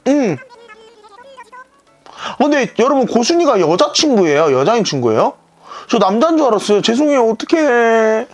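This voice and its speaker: Female streamer, chatty and playful, animated pitch, casual gameplay talk. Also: moderate pace, long pauses, soft background music. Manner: playful, chatty, talks to viewers. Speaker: game streamer.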